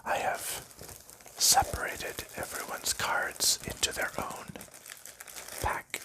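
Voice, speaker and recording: In this whispered ASMR video, a male creator walks through a board game, softly and slowly describing how it's played and what pieces come with it.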